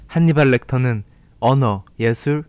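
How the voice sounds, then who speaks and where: A man's voice: mid-range voice, normal speed, darkish tone, smooth, no echo. A man reading a scripted narration as a voice-over for a film ranking video. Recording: voice-over with faint background music. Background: faint music.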